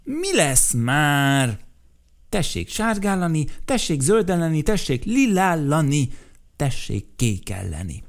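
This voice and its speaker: A man voicing a small fretful boy coaxing his flower, in a high, pleading voice. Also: sing-song, vocal fry, a little mellow.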